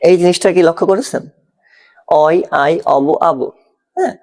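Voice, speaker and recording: A man's voice: high voice, big pitch swings, moderate pace, a little mellow. A man with a Bangladeshi Bengali accent teaching an exam-prep grammar lesson, explaining step by step and often checking if the learner follows.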